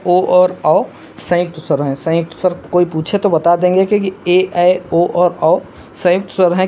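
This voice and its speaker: A man's voice: sits high, darkish tone, slight background noise. A man teaching an exam-prep lesson, drilling points over and over and quizzing the listener as he goes. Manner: repetitive drilling with quiz questions; addresses listeners as bhai.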